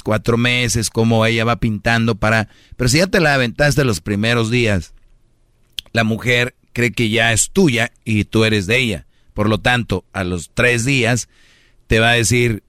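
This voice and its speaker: A man's voice: medium pitch, a bit bright, no room sound, studio quality. A man hosting a casual radio show, teasing his co-host and giving dating advice at length. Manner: talkative, teasing, acts out voices of young women.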